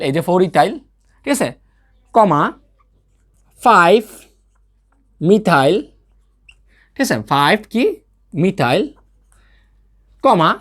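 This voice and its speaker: A young man tutoring chemistry in a recorded online lecture, his pitch rising and falling with a lively swing. He keeps checking in with his students and answering his own questions. He slips English terms into his talk.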